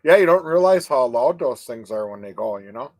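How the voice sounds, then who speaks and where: A man's voice: mid-range voice, lively intonation, fairly quick, a little mellow, no room sound, poor audio. Older male co-host, casual, rambling delivery full of restarts, dry close sound. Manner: rambling, many restarts and "you know?" tags. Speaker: co-host of a live advocacy chat. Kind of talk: casual live-stream chat.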